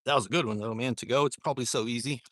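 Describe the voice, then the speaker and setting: A relaxed man with a Southwestern American accent talks casually to his live-stream viewers while walking outside. His voice sits in an ordinary middle pitch and comes across dry and close, with little room sound around it. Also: racing, no echo. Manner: laid-back, chuckles often, joking about his broken Spanish. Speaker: livestream host. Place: outdoors, walking in a dry wash.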